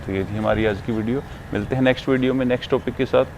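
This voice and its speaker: A man teaching English pronunciation in an online lesson, repeating each word several times, louder and higher than his explaining voice. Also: steady tone, very fast, muffled recording, a little hiss or hum.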